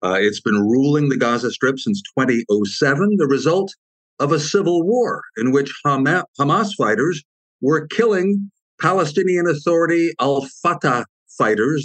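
A man giving long, measured answers as an expert guest, adding frequent asides as he explains. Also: mid-range voice, fairly bright tone, dry recording, poor audio.

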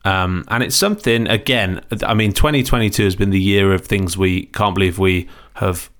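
A man's voice: low voice, normal speed, fairly bright tone. A young man hosting a football podcast, chatty and upbeat, speaking to his listeners. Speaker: podcast host. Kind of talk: casual chat.

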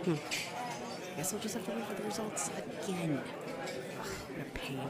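A woman's voice: fairly low pitch, animated, moderate pace, over a noisy crowd, close to an everyday voice. Woman playing a flustered starstruck young bartender. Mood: grumbling, hushed. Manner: flustered, apologetic, gushing with nervous laughs. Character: young female bartender, bubbly starstruck fight fan. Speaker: roleplay voice performer. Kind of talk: audio roleplay acting.

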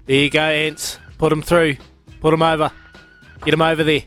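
A man hosting a radio phone-in quiz with excitable, matey, slangy banter. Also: on the high side, normal speed, faint music behind. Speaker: breakfast radio quiz host. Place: radio studio.

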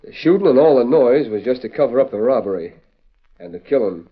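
A plainspoken frontier sheriff in an old radio western. His mid-pitched voice is folksy and wary. The recording is dull and lo-fi. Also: lively intonation, brisk, slightly rough. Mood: grim. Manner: folksy frontier drawling slang. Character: small-town western sheriff, plainspoken and suspicious.

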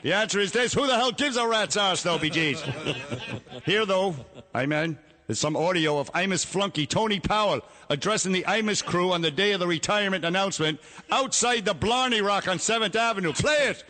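A man's voice: high voice, a little fast, pushed and bright. A man voicing a crude, irreverent older male cardinal with a brogue, in a mock-pious comedy radio bit full of insults.

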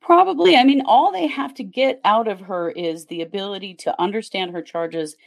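A woman's voice: mid-range voice, normal speed, gravelly. A woman co-hosting a casual livestream chat, laughing often and reading viewer comments aloud. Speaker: true crime channel co-host.

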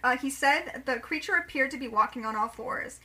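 A young woman co-hosting a podcast, retelling a story in a playful, chatty way. Her voice is high and sharply bright. She keeps the tone light and casual. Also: a little fast, low-quality recording. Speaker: podcast co-host. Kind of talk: casual chat.

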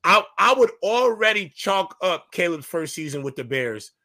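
A man's voice: high voice, big pitch swings, moderate pace, sharp tone. A man hosting a heated, casual sports debate, speaking emphatically and repeating phrases to hold the floor. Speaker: sports talk show host moderating a panel.

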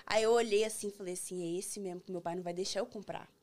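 A woman's voice: medium pitch, fast talker. A young Brazilian woman with a Brazilian Portuguese accent, a podcast guest telling an anecdote in casual chat and acting out what other people said. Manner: animated storyteller, acts out other people's lines.

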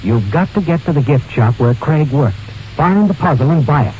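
A man with a slightly high, darkish voice narrates at normal speed but with animation, spinning an ominous 1940s-style radio suspense story that speaks to the character as "you." The muffled old recording carries a bit of hiss or hum, and dramatic music plays in the background.

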